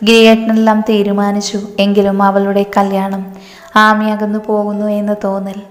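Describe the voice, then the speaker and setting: A soft-spoken, tearful mother, tender and heartfelt, as a woman narrator puts her on. The delivery is even and flat in pitch. It rings in a hall-like space with long reverb. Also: moderate pace, faint music behind, natural voice. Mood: tender, sad. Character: loving middle-aged mother, tearful and gentle. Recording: echoey room with long reverb.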